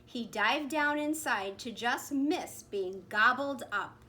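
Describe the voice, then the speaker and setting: A woman's voice: fairly high pitch, lively intonation, slow pace, sharp tone. A woman reading a picture book aloud expressively to young children. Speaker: kindergarten principal. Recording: faint background noise.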